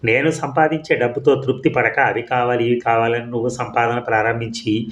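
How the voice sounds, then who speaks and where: A man's voice: medium pitch, flat delivery, brisk, muffled recording, close to an everyday voice. A man voicing a weary, bitter middle-aged husband who speaks curtly, in a storybook reading. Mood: harsh. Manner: curt, sharp. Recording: echoey room.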